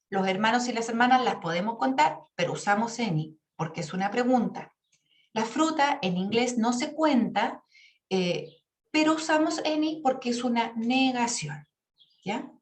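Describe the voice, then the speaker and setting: A woman's voice: a little high, reverberant. A woman teaching an English grammar class, explaining patiently and checking in with her students often.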